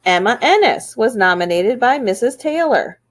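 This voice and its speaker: A woman's voice: fairly high pitch, lively intonation, normal speed. A woman reading school morning announcements in an upbeat, sing-song way.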